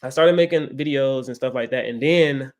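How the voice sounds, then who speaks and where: A 24-year-old man who teaches about credit talks casually as an interview guest, repeating himself a lot and leaning on "right?". His voice is mid-range at a moderate pace.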